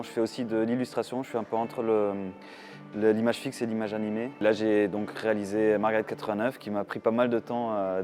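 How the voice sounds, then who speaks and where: A man's voice: lowish voice, a little mellow. Hesitant man, faint music behind. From Germany. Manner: hesitant, many fillers and restarts. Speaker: animation film director. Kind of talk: festival interview.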